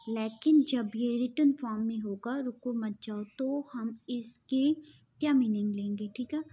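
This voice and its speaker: A woman's voice: fairly high pitch, dark tone, husky, lo-fi sound. A woman giving an explanatory online grammar lesson as an English teacher, patiently repeating points and checking in with her listeners.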